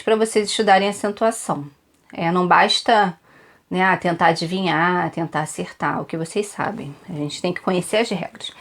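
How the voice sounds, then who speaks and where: A woman with a Brazilian accent giving an online exam-prep lesson, chatty and repetitive, often checking in with her students. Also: mid-range voice. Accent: Brazilian Portuguese. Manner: chatty, repeats tips, frequent "tá?" check-ins. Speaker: Portuguese teacher for exam prep.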